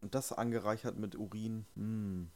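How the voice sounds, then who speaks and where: A man with a very dark, mellow voice, sitting on the low side in pitch. He chats in crude, slang-filled banter with a friend, often stretching his words out lazily. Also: fairly even intonation. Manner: slangy, joking, drawn-out delivery.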